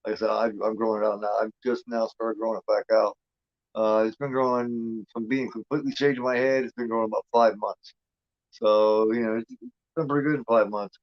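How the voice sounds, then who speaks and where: A fifty-year-old man talks loosely as he watches along, with lots of restarts, fillers and casual swearing. His voice sits a little low. The audio is dull and muffled, and the sound is dry and close. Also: fairly even intonation, brisk, dry recording. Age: 50s. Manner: rambling, repeats himself, frequent fillers and swearing. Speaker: host.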